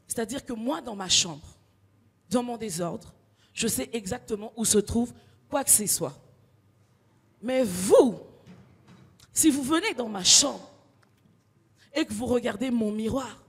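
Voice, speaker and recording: A young woman from Congo doing stand-up comedy, telling stories in slangy animated bits. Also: medium pitch, husky, in a large hall. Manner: animated storytelling, street slang.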